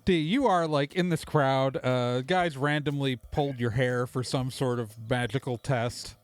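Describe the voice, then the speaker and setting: A man's voice: medium pitch, measured pace, no echo. A man narrating as the game master of a tabletop game, rambling loosely with many restarts.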